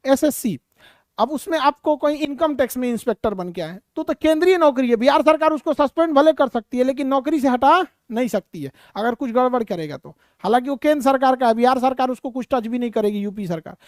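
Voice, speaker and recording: A woman lectures a live class in a high, ringing voice. She fires off questions and answers them herself, with teasing, scolding asides. The sound is close and dry, with no room echo. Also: animated, brisk, darkish tone. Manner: rhetorical questions answered aloud. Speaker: teacher.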